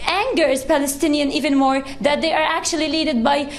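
A young woman reports live as a news correspondent in a high voice. Her delivery is impassioned and halting, with emphatic repetition. She is on a handheld mic with faint noise behind her. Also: fairly even intonation. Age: young adult. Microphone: handheld reporter's microphone.

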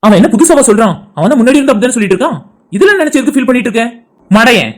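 A performer voicing a blunt, teasing young man in an animated cartoon, scolding a friend. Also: medium pitch, noisy background, close to an everyday voice. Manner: blunt, scolding, quick-talking.

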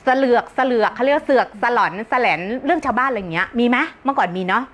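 A woman's voice: fairly high pitch, lively intonation, rapid-fire. A woman teacher giving a brash, joking live-stream self-help talk, often breaking into laughter.

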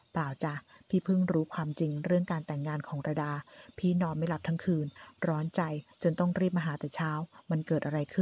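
A woman reads a drama novel aloud in a low, husky voice, moving between the narration and each character's lines. Her tone is dark and mellow throughout. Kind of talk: audiobook narration with character dialogue.

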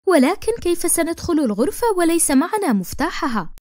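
A woman's voice: extremely high pitch, big pitch swings, a little fast, a little mellow, dry recording, studio quality, pitched above the performer's own voice. A woman reading the lines of a frightened young woman in a told story, in an anxious, insistent tone.

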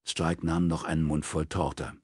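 A man reading a crime novel aloud as scripted narration, in a steady storytelling manner. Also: rumbling low, a little slow, slightly rough, no room sound, clean studio sound. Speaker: audiobook reader.

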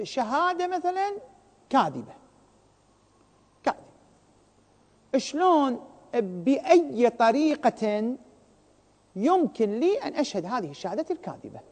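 A high-voiced man with an Iraqi Arabic accent delivers a religious talk on television, his pitch swinging widely. He acts out the words of ordinary people in lively dialogue and throws out rhetorical questions. The sound carries a long reverb. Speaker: religious scholar.

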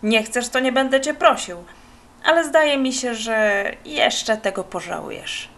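A woman's voice: a little high, lively intonation, a little slow, a bit bright. Woman playing a sly young hustler. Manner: mocking, scheming.

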